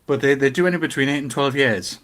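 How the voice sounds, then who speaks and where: This Newcastle man, middle-aged with a Geordie accent, talks at a quick pace with medium pitch. He offers opinions in a chatty, spirited way, peppered with rhetorical questions and acted-out quotes as he spins his stories.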